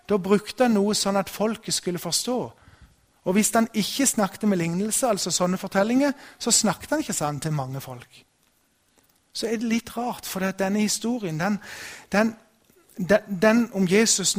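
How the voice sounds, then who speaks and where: Slightly high-voiced storytelling pastor. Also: male voice. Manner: storytelling, conversational with restarts. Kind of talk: sermon.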